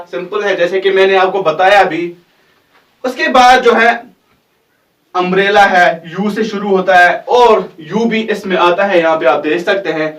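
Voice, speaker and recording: A male teacher explaining grammar to students slowly, repeating words and spelling letters out. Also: high voice, a bit bright, far from the mic. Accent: Hindustani. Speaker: English teacher. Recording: echoey room, off the mic.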